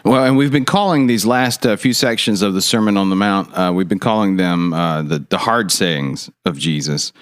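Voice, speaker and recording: Podcast guy, lower voice, laid back, some uhs, dry close mic. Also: moderate pace, few pauses, clean tone, no room sound. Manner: relaxed, joking, hesitant fillers. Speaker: podcast co-host. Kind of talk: casual podcast discussion.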